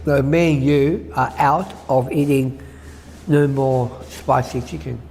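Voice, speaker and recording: A man hosting an eating challenge in casual chat, with simple, halting phrasing. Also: mid-range voice, fairly even intonation, a little mellow, long reverb tail.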